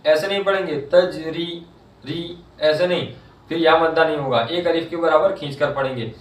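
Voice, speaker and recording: A male Quran reading teacher, explaining the rules and reciting each word slowly and drawn out. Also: a little high. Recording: roomy echo, mic at a distance.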